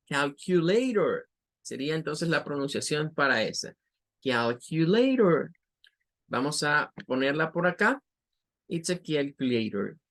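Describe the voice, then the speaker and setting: Man, Latin American Spanish accent, English teacher, unhurried pace, repeats words to drill pronunciation. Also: medium pitch, a bit bright. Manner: patient, repeats each word slowly for pronunciation. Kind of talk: online vocabulary lesson.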